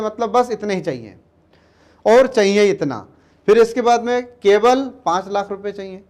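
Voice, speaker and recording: A man teaching an exam-prep grammar lesson, going slowly, repeating words and often checking that students follow. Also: high voice, darkish tone.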